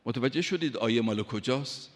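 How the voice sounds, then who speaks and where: A man preaching a sermon, emphatic, speaking straight to his listeners and reciting scripture slowly. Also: mid-range voice. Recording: long hall reverb.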